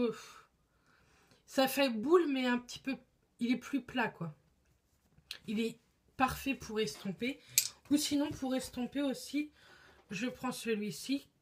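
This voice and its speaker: Young woman vlogger, casual chat, halting and filler-heavy, somewhat high pitch. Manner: chatty, hesitant, many fillers and restarts. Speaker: beauty vlogger.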